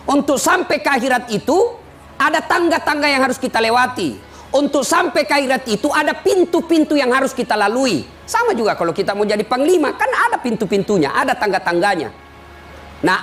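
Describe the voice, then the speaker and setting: A man giving a sermon, telling lively stories and teasing his listeners. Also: very high voice, a little fast. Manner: lively storytelling, teasing the audience. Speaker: preacher.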